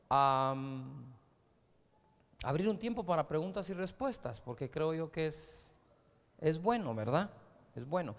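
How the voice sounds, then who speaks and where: High-voiced preacher in a reverberant hall. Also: male voice. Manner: storytelling preacher, conversational with rhetorical asides. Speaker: pastor. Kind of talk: sermon. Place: large church hall. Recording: live church hall reverb.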